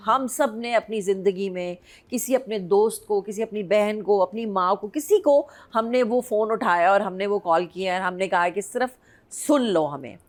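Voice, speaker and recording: A woman's voice: mid-range voice, a little mellow. A woman in her fifties, reviewing a drama on a panel in an emphatic, heartfelt way. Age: 50s. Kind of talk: casual chat reviewing a drama.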